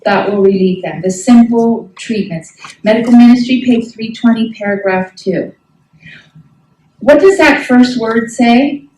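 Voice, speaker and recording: A woman's voice: on the high side, a little slow, a little mellow. A middle-aged woman teaching a health ministry class, folksy and emphatic, often asking the class questions. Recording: echoey room from a distant mic.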